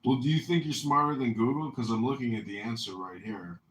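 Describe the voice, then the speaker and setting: A podcast host runs a mocking call-in chat, talking in a sarcastic, lecturing way and drawing out his questions. His voice is mid-range and brisk, with slight background noise, and the mic sounds roomy and distant.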